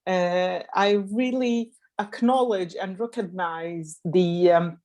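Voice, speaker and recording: A woman's voice: fairly low pitch, steady tone, slow, a little mellow. Earnest woman speaking on a panel. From Iraq. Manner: earnest, emphatic, thinking aloud. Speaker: panelist, member of parliament. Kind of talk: webinar panel remarks. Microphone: video call.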